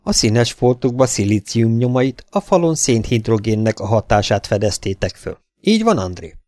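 A man reading as Captain Zénó, a steady commanding space captain. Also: mid-range voice, no room sound, studio quality, natural voice.

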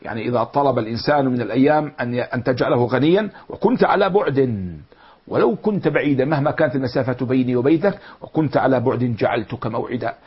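Male teacher, middle-aged, husky, slow explainer, dull lo-fi recording. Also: mid-range voice. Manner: explains slowly, repeating and glossing words. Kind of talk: lecture explaining classical poetry.

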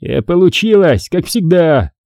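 A man's voice: sits high, big pitch swings, unhurried, creaky, a little mellow, dry recording, studio quality, pitched above the performer's own voice, exaggerated voice. Man doing a snappish, hot-tempered fighter. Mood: irritated. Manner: curt barking retorts.

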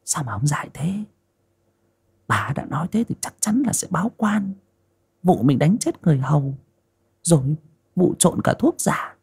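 A man's voice: high-pitched, wildly swooping pitch, a little slow, gravelly, long pauses, slightly rough, voice pushed up, heavily acted. A man doing a scheming, whispering wife. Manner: sulky, hissing half-whispers.

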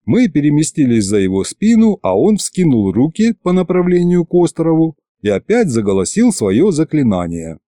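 A man reads an audiobook with lively, expressive storytelling. His voice is mellow and warm, and it sits dry and close to the mic. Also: fairly high pitch, normal speed, hardly any pauses, dry recording. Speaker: audiobook reader. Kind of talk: scripted narration.

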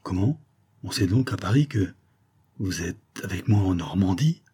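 A baffled nobleman pressing his servant for answers, read by a man. The voice sits low and husky, with a warm, dark tone. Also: lively intonation, moderate pace, full character voice. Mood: questioning. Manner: demanding, baffled. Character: puzzled aristocratic male viscount.

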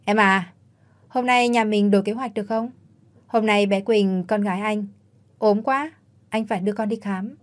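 A woman voicing a worried young father with an apologetic, hurried manner. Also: mid-range voice, fairly even intonation, lightly acted.

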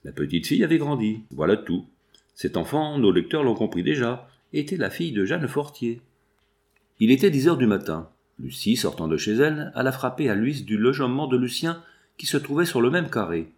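A man narrating a novel as an audiobook reader, with a measured, expressive delivery. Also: mid-range voice.

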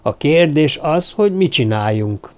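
A man voicing a nervous, hushed little dwarf man who brings bad news, in an audiobook. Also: on the high side, lively intonation, smooth, lightly acted. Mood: worried. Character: anxious little dwarf man, the group's talker. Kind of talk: audiobook character voice.

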